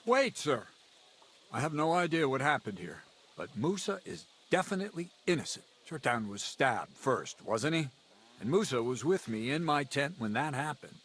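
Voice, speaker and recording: A man's voice: mid-range voice, sing-song, normal speed, fairly bright tone, breathy edge. A man voicing a blunt, common-born commander in a game who swears freely and gives orders. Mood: earnest.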